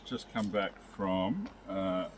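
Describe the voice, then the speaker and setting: A man hosting a casual camping vlog at an outdoor campsite, relaxed and jokey, laughing often. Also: deep voice, takes it slowly, slight background noise. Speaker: caravan vlog host.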